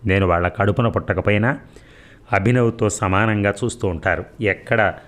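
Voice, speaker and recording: Storybook: man reads young daughter-in-law, dutiful, soft-spoken, very deep voice. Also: moderate pace, close to an everyday voice. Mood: patient. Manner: patient, respectful, soft-spoken. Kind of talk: storybook reading.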